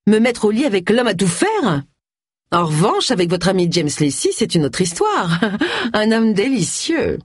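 A woman reading aloud voices a snobbish, sharp-tongued lady of the manor who talks with mocking scorn. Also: mid-range voice, sing-song, normal speed, breathy edge, dry recording, studio quality, pitched above the performer's own voice. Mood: scornful.

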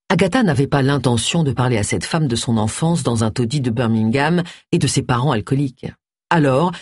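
Audiobook narrator, expressive, lively pitch, slightly husky, dry close mic. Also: dry recording. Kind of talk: scripted narration.

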